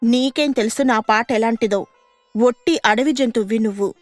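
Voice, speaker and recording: A woman's voice: fairly high pitch, normal speed, no echo, natural voice. A woman voicing a vain, boastful donkey in a children's radio story, talking down with haughty scorn. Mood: scornful. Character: vain boastful donkey who thinks it can sing. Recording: dry studio radio recording with faint music.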